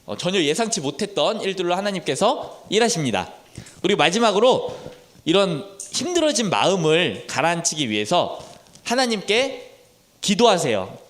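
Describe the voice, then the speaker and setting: Sunday school teacher guy in his 30s preaching to kids, high voice, really lively, asks them questions. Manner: storytelling, asks children questions. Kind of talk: children's sermon.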